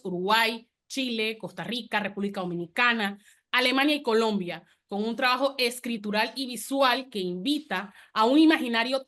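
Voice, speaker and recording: Formal female moderator, slightly high. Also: a bit bright. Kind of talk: reading a guest introduction, then hosting.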